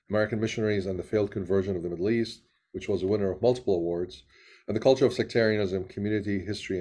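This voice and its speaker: A man's voice: on the low side, warm tone. A man hosting a video-call webinar, introducing and interviewing a guest, with many fillers and restarts. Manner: quick, with frequent uh fillers and restarts.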